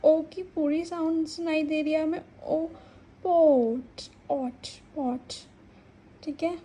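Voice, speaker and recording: A woman's voice: high-pitched, little pitch movement, moderate pace, mellow, slight background noise, poor audio. A young woman teaching a shorthand lesson, patiently repeating words to sound out each vowel. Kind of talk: explaining a stenography lesson.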